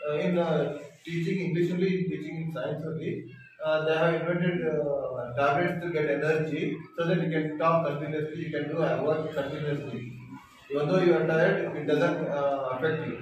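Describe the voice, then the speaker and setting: A man's voice: a little high, steady tone, normal speed. A middle-aged man with an Indian accent, moderating informally as a classroom teacher and often repeating and rephrasing points. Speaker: teacher moderating a student debate. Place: small indoor classroom with bare walls. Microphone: far camera across the room. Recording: echoey classroom, distant mic, faint noise.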